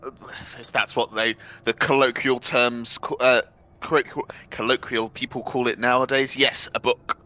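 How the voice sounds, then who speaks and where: A man's voice: mid-range voice, little pitch movement, moderate pace, pushed and bright. A man playing his character at a tabletop game, haggling and tripping over his words. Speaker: player. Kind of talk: in-character tabletop role-play. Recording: dull, lo-fi mic.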